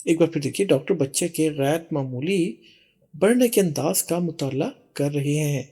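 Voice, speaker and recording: A teacher giving a bilingual vocabulary lesson, reading English example sentences slowly, then translating and repeating them. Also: medium pitch, expressive, dark tone, husky, faint music behind.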